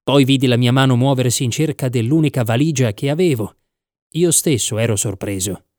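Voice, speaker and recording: A man narrates a first-person story in a measured, reflective way. His mid-range voice sounds dry and close to the mic, with no room sound. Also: medium pitch, a little mellow, no echo. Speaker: audiobook narrator.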